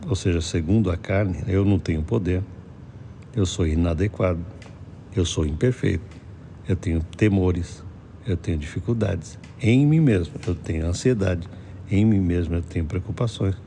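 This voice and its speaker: A man's voice: low voice, moderate pace, dark tone, slight background noise. A middle-aged male pastor, preaching a devotional sermon in a conversational way and often checking that listeners follow.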